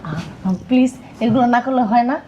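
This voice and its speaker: A woman's voice: high-pitched, level tone, a little fast, warm tone, dull audio, slight background noise, lightly acted. A woman playing an anxious young fiancée who pleads and worries. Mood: pleading. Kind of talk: amateur short-film acting.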